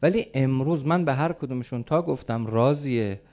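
A man preaching a sermon as a dramatic story, swinging from soft, hushed lines to loud calls. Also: medium pitch.

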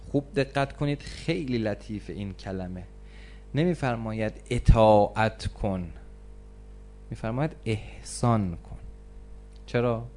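Man preaching with slow emphatic repetition. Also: lowish voice, slight background noise. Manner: slow, emphatic repetition, rising to animated storytelling. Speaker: preacher and counselor. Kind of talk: religious talk with anecdote.

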